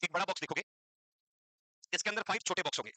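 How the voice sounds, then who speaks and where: Quick, bright-voiced male exam teacher. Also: high voice, animated, dry recording, low-quality recording. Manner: mixes English terms into Hindi, repeats points and quizzes students. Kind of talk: classroom lecture.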